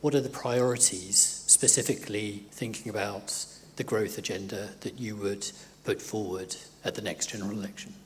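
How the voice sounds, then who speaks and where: Deliberate man putting a question. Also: lowish voice, steady tone, a little hiss or hum. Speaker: audience member asking a question. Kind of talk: public question at a conference.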